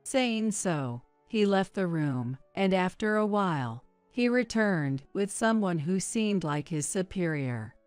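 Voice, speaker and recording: Casting: woman narrator, low and dry, with soft music under her. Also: animated, slow, few pauses, clear, resonant tone, no echo. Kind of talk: scripted narration.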